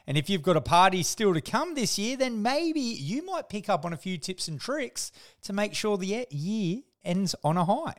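A man's voice: high voice, big pitch swings, normal speed, few pauses. An Australian man hosting a casual comedic podcast with slangy, sweary, blokey tradesman banter. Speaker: podcast host.

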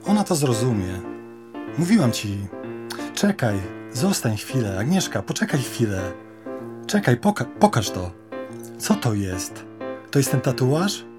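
A man voicing a pleading, possessive young woman in an audio drama, coaxing and insistent, sometimes sinking to a soft intimate hush. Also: mid-range voice, sing-song, a little slow, pauses often, music in the background. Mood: urgent.

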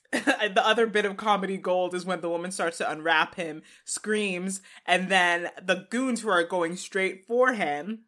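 A woman's voice: on the low side, measured pace, a bit bright. A woman co-hosting a casual movie chat, retelling scenes and laughing often. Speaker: podcast co-host.

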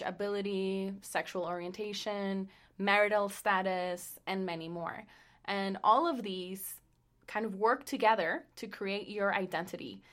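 A woman's voice: mid-range voice, fairly bright tone. A woman from Costa Rica with an accent, not a native English speaker, co-hosting a casual podcast and explaining things with easy laughs. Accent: Costa Rican. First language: French and Spanish. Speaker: podcast co-host.

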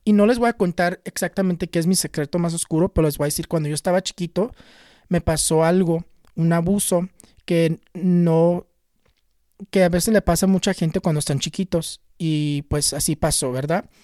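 A man telling a personal story in a casual, halting way, often repeating and restarting words. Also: a little high, steady tone, mellow, dry recording, clean studio sound. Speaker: channel host recounting a spiritual experience.

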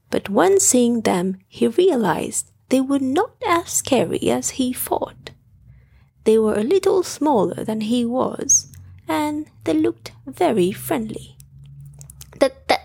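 Breathy, slow bedtime-story narrator, a woman with a high voice and a dry close sound. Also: dry recording. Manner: soft, half-whispered delivery.

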